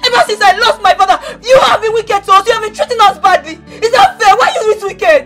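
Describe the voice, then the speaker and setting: A desperate young Nigerian niece in a film drama. Her voice is extremely high, and she pleads in dramatic, repeated bursts. Faint music plays underneath. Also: fairly even intonation, moderate pace. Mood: angry, wailing accusation. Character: desperate young woman begging her hard-hearted uncle. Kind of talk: emotional film drama acting.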